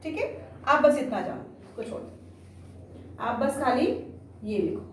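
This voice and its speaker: A woman teaching a Hindi lesson to young children in an online class. She talks slowly and patiently, repeats each word, and keeps checking with "theek hai". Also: sits high, animated. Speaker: primary school Hindi teacher. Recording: echoey room, distant mic, faint noise.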